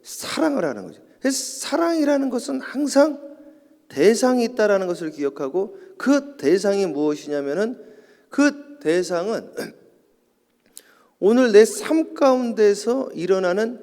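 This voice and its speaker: A man's voice: sits high, sing-song, measured pace. A middle-aged man preaching an early-morning sermon in a church, telling stories and building to emphatic points. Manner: storytelling, rising to loud emphatic preaching. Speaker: pastor. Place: church sanctuary. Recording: echoey church hall.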